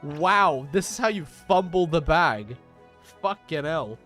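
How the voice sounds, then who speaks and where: A man's voice: a little high, lively intonation, slow, fairly bright tone, soft background music. A man livestreaming a game, chatting casually in an informal, sweary, bantering way. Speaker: livestream host, gamer. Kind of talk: casual livestream chat while gaming.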